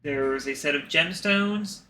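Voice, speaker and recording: A man narrating as game master of a tabletop game, describing scenes in an unhurried, descriptive way. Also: a little high, pushed and bright.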